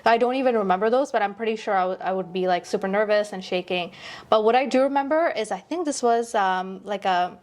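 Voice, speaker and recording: A woman's voice: mid-range voice, fairly quick. A young woman, a guest singer in casual chat, telling stories with lots of laughs and self-deprecating humour. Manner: giggly, self-deprecating, animated storytelling.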